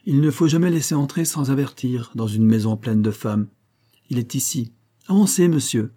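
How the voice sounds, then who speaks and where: Chatty officious foreman, read by a man, husky, mellow, storybook reading. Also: medium pitch, fairly even intonation, normal speed, close to an everyday voice. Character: gruff male mill foreman, officious and talkative.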